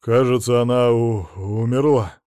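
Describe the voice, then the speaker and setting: A man's voice: medium pitch, takes it slowly, dark tone, dry recording, clean studio sound, natural voice. Man doing a stammering, flustered businessman. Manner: stammering, confused. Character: flustered middle-aged male businessman.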